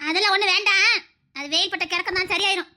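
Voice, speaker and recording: A woman with a Tirunelveli Tamil accent, speaking in a very high, bright voice. She chatters fast and schemes through a village comedy sketch. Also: fairly even intonation.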